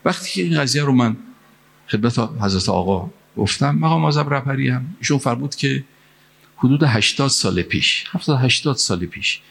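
A man's voice: mid-range voice, animated, vocal fry, fairly bright tone. A man from Mashhad preaching a sermon, telling a story and reciting Arabic phrases and verse, rising to emphatic peaks. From Mashhad, Iran.

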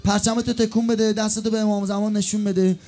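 A man's voice: sits high, flat delivery, dark tone, faint music behind. A man acting as cleric at a religious gathering, rousing the crowd with chants, counts and playful banter.

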